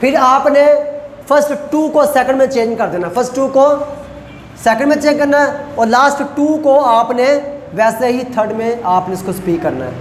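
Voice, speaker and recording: A man teaching a class, explaining rules step by step and slowly repeating example phrases. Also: extremely high pitch. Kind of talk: classroom lecture. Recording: echoey lecture hall with faint noise.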